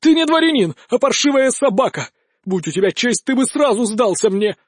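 A man voicing an arrogant, cowardly nobleman duelist who shouts boasts and then begs. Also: sits high, fairly quick, husky, dry recording, clean studio sound. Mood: blustering.

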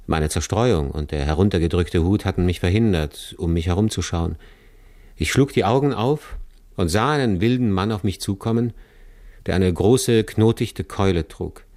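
Low-voiced man reading a literary tale. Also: darkish tone, no echo, studio quality. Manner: measured, serious first-person storytelling. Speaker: audiobook narrator. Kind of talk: scripted literary narration.

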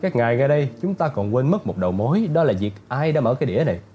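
A male narrator playing a brash young man who speaks forcefully. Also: medium pitch, very animated, quick pace, faint music behind, pitched above the performer's own voice, natural voice. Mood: urgent.

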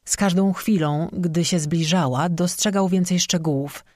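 An audiobook narrator reading a legend in a steady, measured scripted narration. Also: medium pitch, no room sound, studio quality.

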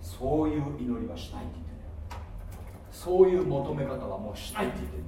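A male pastor delivers an animated sermon in a high, lively voice that leaps up and down in pitch. He peppers the talk with rhetorical questions and sudden loud emphasis. The mic sits well away from him, so the voice rings through a big echoey hall with a faint hiss of room noise underneath. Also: fast talker, recorded from a distance.

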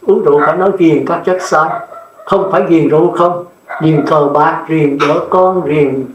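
A man's voice: on the high side, normal speed, roomy sound, low-quality recording. An older man, a Buddhist monk, giving a blunt, plain-spoken dharma sermon that often checks in with the listeners.

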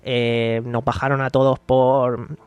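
A man's voice: medium pitch, flat delivery, takes it slowly, clean tone, dry recording, highs cut off. Chatty man, close dry mic. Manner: rambling, recounts scenes by acting out quotes. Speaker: podcast host. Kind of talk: casual podcast commentary.

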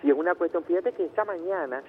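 A man's voice: a little high, fast talker. A Venezuelan man from Caracas calling in to a radio show, insisting on his point and cutting back in again and again. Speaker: radio caller. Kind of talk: phone-in debate. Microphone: telephone. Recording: tinny phone line with faint noise.

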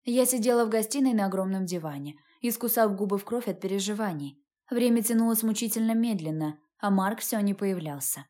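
A woman narrating a first-person audiobook in a steady, measured reading. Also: medium pitch. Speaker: audiobook reader.

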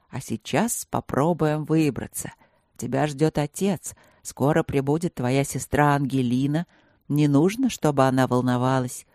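A reader voicing a wise old grandfather tiger who speaks in an unhurried sing-song. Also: mid-range voice, darkish tone, no echo, studio quality, lightly acted.

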